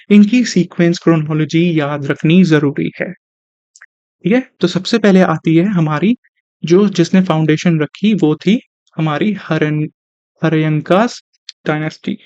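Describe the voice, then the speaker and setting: A man's voice: fairly high pitch, a little mellow, no echo. A young male teacher gives an online exam-prep lecture, mixing Hindi with terms and asking and answering his own questions. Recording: dry, slightly dull recording.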